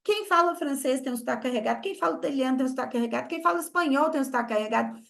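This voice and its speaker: A woman's voice: sits high, lively intonation, very fast, vocal fry, a bit bright. A woman from Brazil with a Minas Gerais accent, teaching an English masterclass with rhetorical questions and repeated key phrases. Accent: Minas Gerais Brazilian Portuguese. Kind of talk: online masterclass lesson.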